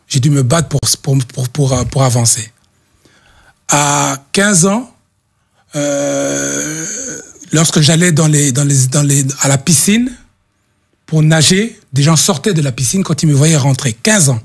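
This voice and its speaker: A middle-aged man from Belgium, a guest speaking earnestly in an interview, halting and repeating words as he searches for them. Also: fairly high pitch, creaky, breathy edge. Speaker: guest, association representative. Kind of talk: earnest testimony in a talk show interview.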